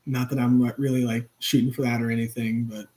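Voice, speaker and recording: A man in his thirties hosts a casual live stream, talking loosely and warmly to viewers. He rambles and restarts often, with plenty of fillers. His voice sits at an ordinary middle pitch. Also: little pitch movement, quick pace. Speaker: channel host.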